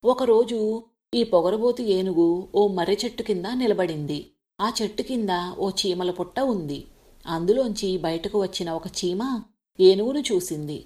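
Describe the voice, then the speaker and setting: A woman's voice: medium pitch, expressive, a little slow, mellow. Woman narrating a children's fable. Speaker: storyteller. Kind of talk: scripted children's story narration.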